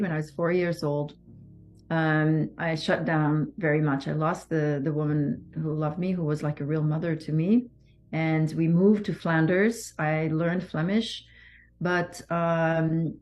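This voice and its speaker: A soft-spoken woman from Belgium, a native French speaker, gives a personal testimony interview as a survivor. Her low voice is measured and halting, full of pauses and restarts, and the sound is lo-fi.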